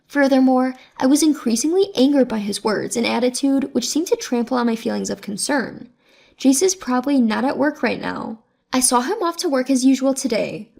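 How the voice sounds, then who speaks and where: Lady reading a story out loud, highish voice, calm even delivery. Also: vocal fry. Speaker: story narrator. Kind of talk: scripted first-person story narration.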